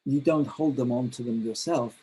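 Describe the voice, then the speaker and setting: Male webinar trainer, dark husky voice, hesitant delivery full of ums. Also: mid-range voice, poor audio. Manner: halting, many fillers and restarts. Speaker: teacher trainer giving a webinar. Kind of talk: webinar lecture.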